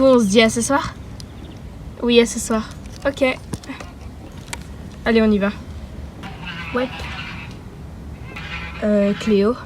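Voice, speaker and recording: A woman performing the everyday chat of a group of girls in a fan-made doll drama. Her voice sits high and her pace is slow, casual and full of hesitations, with a faint background hiss. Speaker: creator voicing a fan doll series. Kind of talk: homemade doll drama dialogue.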